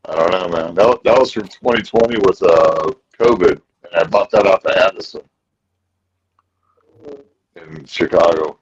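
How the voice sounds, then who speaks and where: A relaxed man with a fairly low voice talks casually with friends on a video call. His audio comes through dull and lo-fi. A bad connection keeps breaking him up into a robotic, choppy sound. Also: measured pace, pauses often. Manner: laid-back, calls people brother. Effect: choppy, robotic-sounding bad internet connection. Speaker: regular in a group video call. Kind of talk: casual chat. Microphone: computer or phone on a video call.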